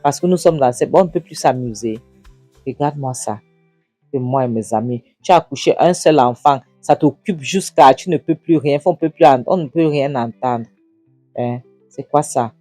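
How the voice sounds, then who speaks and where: A narrator acting out an indignant husband who scolds his wife, raising the pitch and repeating "Hein?". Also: moderate pace, mellow, no room sound, soft background music, lightly acted. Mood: ranting.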